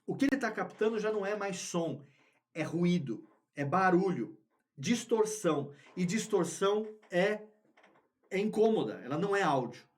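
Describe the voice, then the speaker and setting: Brief: male podcast instructor, high voice, explanatory, repeats points, studio mic. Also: expressive, normal speed. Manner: explanatory, repeats key words for emphasis. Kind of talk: recorded tutorial lesson. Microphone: studio microphone with headphones.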